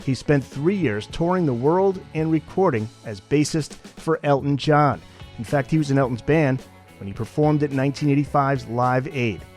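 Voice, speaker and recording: A man hosting a podcast, reading a lively scripted intro and then interviewing his guest. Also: mid-range voice, moderate pace, soft background music. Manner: upbeat announcer-style delivery. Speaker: podcast host.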